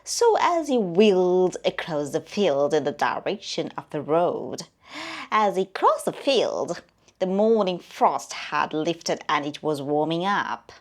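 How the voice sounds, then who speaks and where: A woman tells a children's story in a slow, drawn-out delivery. Her low voice swings widely in pitch, and she often drops to a whisper. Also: big pitch swings.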